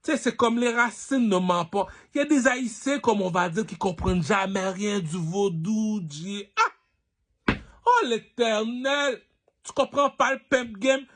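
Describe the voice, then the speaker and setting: A man's voice: sits high, animated, measured pace, fairly bright tone. A man from Haiti delivering a rambling, preachy monologue, firing rhetorical questions at his listeners and repeating his lines. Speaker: online personality.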